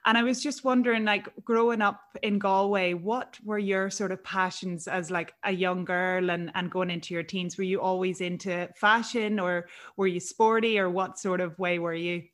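A woman's voice: medium pitch, fairly even intonation, moderate pace, hardly any pauses. A woman around thirty with an Irish accent, speaking as the host of an interview podcast. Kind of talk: scripted introduction, then casual interview.

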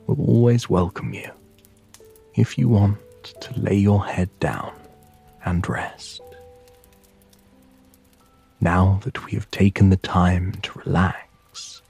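A man narrating a sleep story in a hushed, soothing, breathy voice that often slips into a whisper, guiding the listener to relax. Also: sits low. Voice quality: breathy, husky.

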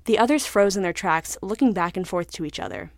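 A woman narrating a scripted story in a measured, even way. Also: medium pitch, dry recording, clean studio sound.

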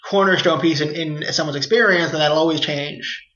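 High, bright-voiced young man, halting. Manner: hesitant, repeats words when starting. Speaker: podcast co-host. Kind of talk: casual film discussion. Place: apartment with open windows. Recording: roomy, dull lo-fi sound.

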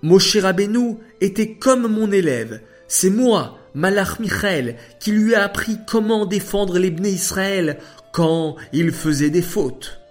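A man voicing a weeping male archangel who pleads loudly and emotionally. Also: high voice, expressive, slow, soft background music, pitched above the performer's own voice. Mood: distraught. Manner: emotional, exclaiming.

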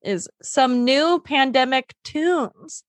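A young adult woman co-hosting a podcast in casual, comedic chat, blunt and dramatic and quick to swear. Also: sits high, lively intonation, dry recording. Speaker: podcast co-host.

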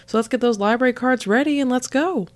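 A woman's voice: fairly high pitch, fast. A woman hosting a podcast with scripted narration in a playful, theatrical manner, her voice a little affected by being sick. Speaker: podcast host.

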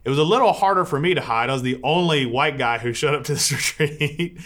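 Man telling stories, relaxed and chatty. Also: on the high side, fairly quick. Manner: relaxed storytelling with filler words. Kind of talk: informal talk to a church audience.

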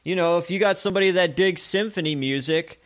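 A man hosting a comedic radio-style show, chatty and animated as he jokes through his segments. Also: high voice, brisk.

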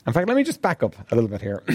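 A man preaching a conversational Bible-teaching sermon, clearing his throat often. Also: mid-range voice, wildly swooping pitch, very fast.

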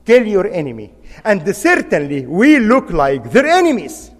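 A man's voice: sits high, big pitch swings, a little slow, big-room sound. A middle-aged man from Egypt, preaching a sermon in an impassioned, emphatic way and repeating key phrases.

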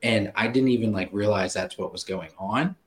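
A man's voice: on the low side, normal speed, roomy sound, noisy background. A man telling a story in casual podcast talk, laughing often and swearing freely. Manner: laughing, profane, animated storyteller. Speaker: guest.

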